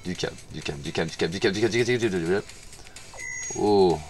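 Low-voiced gamer muttering to himself. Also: male voice, a little fast, darkish tone, soft background music. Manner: mutters to himself, repeats words, swears when he fails. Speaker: gamer playing on stream. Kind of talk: casual gameplay commentary.

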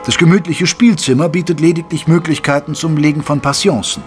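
An actor playing a gentleman doctor who narrates a German detective radio play in a measured, formal storytelling manner. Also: fairly high pitch, steady tone, faint music behind, natural voice. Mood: composed, descriptive. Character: gentleman doctor recounting his detective friend's cases. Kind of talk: scripted first-person radio play narration.

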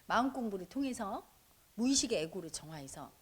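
A woman's voice: medium pitch, lively intonation, a little fast, husky. A woman meditation teacher lecturing an audience, emphatic, with frequent questions to her listeners. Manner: acts out parents in quoted asides.

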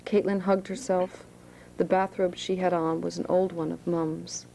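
A woman author reading her own novel aloud to students in a high school room, with plain asides. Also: level tone, unhurried, gravelly, warm tone, slight background noise, rough recording.

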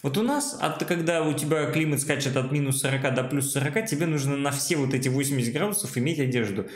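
A man's voice: mid-range voice, fast. A young man reacting to a cartoon in casual, colloquial, opinionated chat. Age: young adult. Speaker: reaction video host. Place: indoor room at home. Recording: roomy, echoey home recording.

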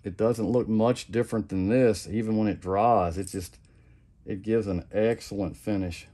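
A middle-aged custom lure maker speaks at normal speed in a voice on the low side. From his home workbench he rambles through a casual demonstration, repeating himself and his favorite "like I said," all in a relaxed, plainspoken tone.

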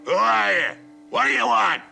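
A stubborn backwoods cowboy in an old television western. His folksy, ungrammatical talk is very sharp and gravelly, and his pitch moves around a lot. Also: lively intonation, moderate pace, soft background music. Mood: urgent. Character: rustic, unschooled cowboy, peevish, stubborn, long-suffering. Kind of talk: 1960s television western acting.

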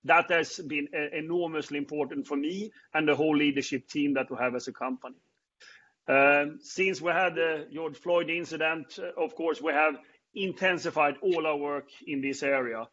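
Middle-aged swedish guy on a video call, kinda high voice, lots of uhs, dull muffled audio. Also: fairly bright tone. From Sweden. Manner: halting, many fillers and restarts. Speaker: panel host. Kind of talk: video-call panel talk. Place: indoors before a branded backdrop. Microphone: earbuds on a video call.

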